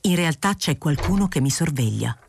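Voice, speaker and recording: A woman voicing an aging male journalist who is mild, polite and quietly insistent, in a literary audiobook. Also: deep voice, animated, moderate pace, vocal fry, noisy background.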